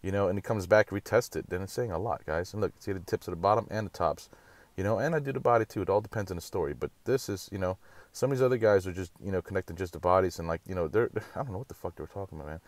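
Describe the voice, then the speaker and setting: A man's voice: darkish tone, no echo. A man giving a casual, profane rant on market charts and mocking others. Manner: profane, rapid, ranting, mocks others in high voices. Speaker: crypto market commentator.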